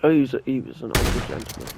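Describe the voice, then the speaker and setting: Rambling man, gravelly voice. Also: mid-range voice, quick pace, heavy background noise. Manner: rambling, frequent swearing, animated retelling. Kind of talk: casual storytelling while gaming. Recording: loud game gunfire behind the voice.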